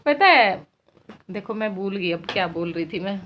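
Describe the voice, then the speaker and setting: A woman's voice: mid-range voice, lively intonation, normal speed, slight background noise. Chatty village vlogger woman, lo-fi. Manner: chatty, laughs often. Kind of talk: casual chat to viewers. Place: village home. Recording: dull lo-fi sound.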